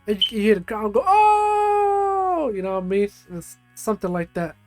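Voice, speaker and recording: Laid-back man chatting over soft music. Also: high voice, steady tone, quick pace. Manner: loose and conversational, many fillers like "like" and "uh". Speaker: reaction video host. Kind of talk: casual reaction commentary.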